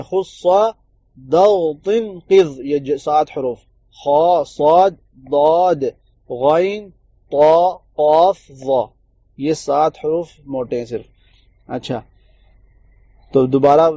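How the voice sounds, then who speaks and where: A man teaching tajweed in a Quran recitation lesson. He explains common mistakes, then recites the example words slowly and drawn out. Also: fairly high pitch, dark tone, dry recording, highs cut off.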